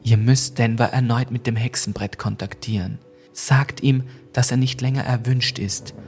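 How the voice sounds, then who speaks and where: A man's voice: medium pitch, steady tone, normal speed, a little mellow, faint music behind, natural voice. A man voicing a worried female friend on the phone, speaking urgently and insistently. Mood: instructing.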